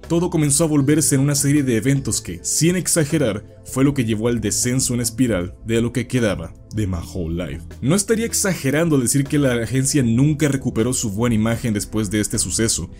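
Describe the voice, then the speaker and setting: A man's voice: medium pitch, lively intonation, a little fast, few pauses, darkish tone. A man delivering scripted video commentary in an emphatic, explanatory way. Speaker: video essay host. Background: background music.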